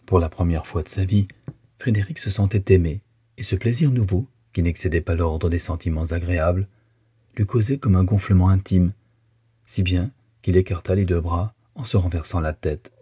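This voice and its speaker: Male audiobook narrator: very deep, dark, husky, measured literary reading. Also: no echo, studio quality.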